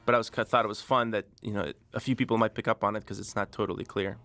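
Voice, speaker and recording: Man giving a relaxed DVD commentary. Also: on the low side, fast, soft background music. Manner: relaxed, rambling, many fillers. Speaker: director.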